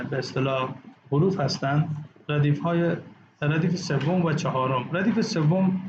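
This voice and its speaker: A male English teacher giving a classroom lesson, drilling words slowly and repeating each one several times. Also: fairly high pitch. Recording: echoey, dull, noisy classroom recording.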